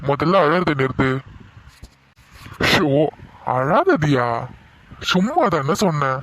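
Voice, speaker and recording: A man voicing a playful young husband in an animated cartoon, teasing and coaxing his wife. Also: on the high side, slow pace, heavily acted.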